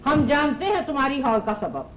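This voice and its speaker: An actress playing a playful, teasing older aunt who cheats at a board game, in an old TV drama. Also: female voice, high-pitched, big pitch swings, crowd noise, rough recording. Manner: playful and teasing, quick to laugh. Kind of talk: 1980s TV drama acting. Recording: old TV drama audio, light noise.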